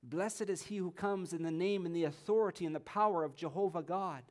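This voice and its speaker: Earnest male preacher, fairly high voice. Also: brisk, darkish tone. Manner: earnest preaching, rising on quoted praise. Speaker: pastor. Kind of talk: sermon. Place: church sanctuary.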